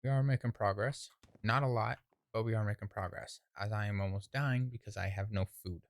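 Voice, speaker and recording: A man's voice: fairly low pitch, fairly even intonation, a little fast, no echo. A young man giving casual, rambling commentary over his own gameplay, talking to himself and exclaiming at setbacks. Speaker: gaming video creator.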